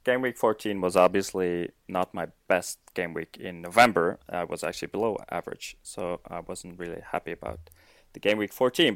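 Norwegian man with a gravelly low voice. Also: dry recording. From Norway. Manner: hesitant, chuckling, plain-spoken. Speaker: podcast guest. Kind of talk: casual chat.

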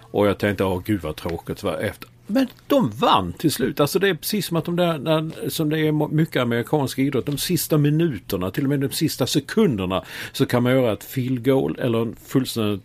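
A man's voice: mid-range voice, animated. A man co-hosting a casual podcast, chatting in a rambling way and often trailing off mid-thought. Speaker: podcast co-host. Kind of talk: casual conversational banter.

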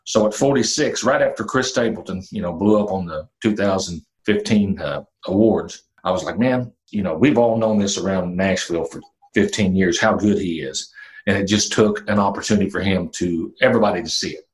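Country singer-songwriter, man of fifty, very low voice, laid-back storyteller who swears now and then. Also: a little fast, low-quality recording. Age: 50s. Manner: relaxed storytelling with fillers and mild cursing. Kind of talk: casual interview talk.

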